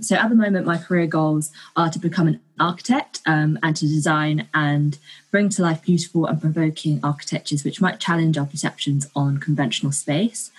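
Podcast guest: young woman, low and husky, thoughtful, plenty of ums. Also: low-quality recording. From London, England. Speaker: guest, architecture student. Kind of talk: casual podcast interview.

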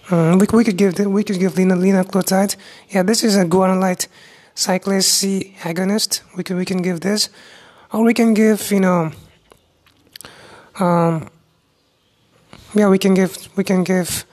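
A newly qualified young doctor from India hosts her own medical podcast solo, speaking with an Indian accent in a mid-range voice. Her delivery is halting, full of restarts, and not very clear.

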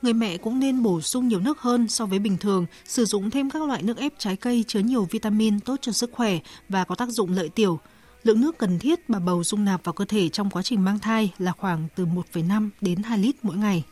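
A woman's voice: mid-range voice, brisk, darkish tone, faint music behind. A woman presenter reading a formal scripted health report in news narration style.

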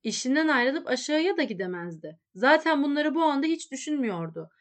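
A woman with a high voice reads a literary story aloud. Her narration is measured and expressive, moving steadily through each scene.

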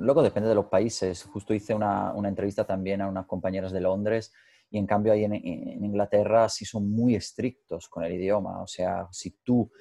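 A man's voice: fairly low pitch, dark tone, dry recording, clean studio sound. A man from Spain, an actor, interviewing a fellow actress in an earnest, reflective way and asking long questions. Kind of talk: casual interview conversation.

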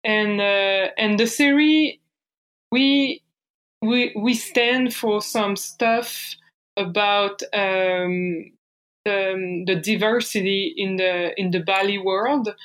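A woman's voice: mid-range voice, takes it slowly, fairly bright tone, rough recording. A woman in her thirties from France with a French accent, answering interview questions hesitantly, with many fillers and restarts. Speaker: paper artist guest.

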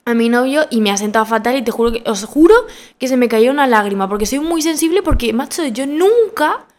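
A woman in her twenties with a Spanish accent from Spain hosts a podcast, telling a story casually and animatedly with emphatic repetition. Her voice is a little high and she talks fast.

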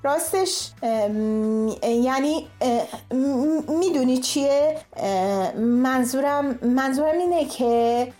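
A woman's voice: high-pitched, hardly any pauses, warm tone, faint music behind, close to an everyday voice. A woman playing a fussing middle-aged wife and mother in a comic radio sketch, placating and doting. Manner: placating, fussy.

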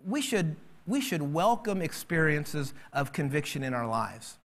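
A man preaching a sermon as pastor, animated and acting out quoted voices. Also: fairly high pitch, a little slow.

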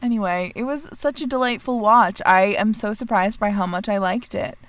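A woman's voice: medium pitch, moderate pace, no echo. Chatty woman co-host, candid. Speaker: podcast co-host. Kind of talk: casual chat.

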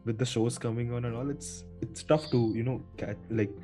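A man's voice: mid-range voice, fairly even intonation, normal speed, warm tone, faint music behind. A man with an Indian accent hosting a podcast in casual, informal chat, now and then slipping between English and Hindi. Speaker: podcast host.

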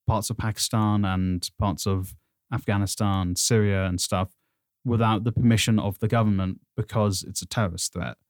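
A man giving casual news commentary as a podcast host, with hesitant, halting phrasing. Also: on the low side, steady tone, no echo, clean studio sound.

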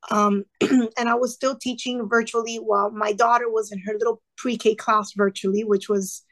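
A woman in her thirties with a fairly high voice speaks at normal speed as an interview guest. A former classroom teacher of Cuban family background, she tells her story earnestly and animatedly, acting out the people she quotes in lively asides.

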